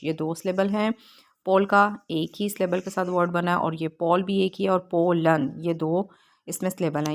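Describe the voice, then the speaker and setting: A woman teacher walking students through a textbook exercise step by step, reading English lines slowly with frequent pauses. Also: fairly low pitch. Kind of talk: textbook lesson walkthrough.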